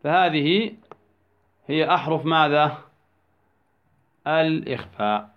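A man teaching a tajweed lesson, asking questions and answering them, and stretching example words out slowly. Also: fairly high pitch. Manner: asks prompting questions then answers them. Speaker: Quran recitation teacher. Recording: dull lo-fi recording.

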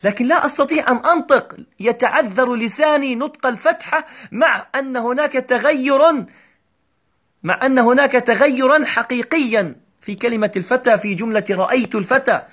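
A male teacher explaining a grammar lesson, patiently repeating examples slowly and checking that his students follow. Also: very high voice, a bit bright.

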